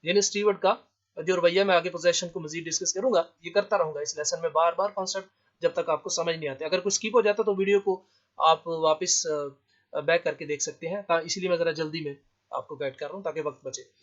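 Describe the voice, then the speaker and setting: High-voiced man teaching an English lesson. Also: steady tone. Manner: explains slowly, reads English lines aloud then translates. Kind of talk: lecture with translation. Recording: dull lo-fi sound.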